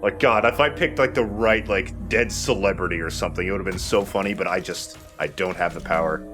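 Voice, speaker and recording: A let's play host with a low voice talks fairly quickly while playing a video game, rambling, cracking jokes and swearing as he goes. Game soundtrack music plays in the background.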